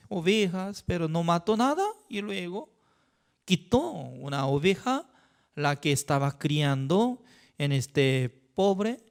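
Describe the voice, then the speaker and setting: A man with a high, sing-song voice that swoops up and down as he preaches. He speaks slowly and haltingly as a pastor leading a Bible study. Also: clean tone. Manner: halting, unhurried telling with dramatized quotes.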